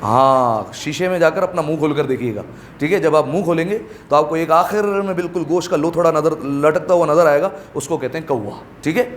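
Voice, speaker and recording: A man teaching tajweed pronunciation to a class, slowly stretching out Arabic sounds for students to repeat and then explaining quickly. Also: on the high side, slight background noise. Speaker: Quran recitation teacher.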